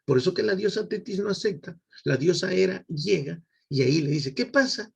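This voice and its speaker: A man's voice: sits high, a little fast, gravelly, a little mellow, breathy edge, dull audio. A male literature teacher giving an online class, full of tag questions and acted-out scenes. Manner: asks rhetorical questions with tag questions, acts out scenes.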